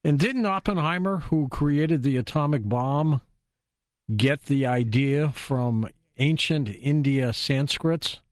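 A man's voice: fairly high pitch, slow, no echo. A man hosting a radio call-in show, putting questions and introducing callers.

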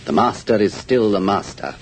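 An actor playing a scheming, falsely deferential nephew with a smooth, sly way of talking in an old radio drama. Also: male voice, fairly low pitch, expressive, moderate pace, slight background noise, rough recording. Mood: sly, mocking.

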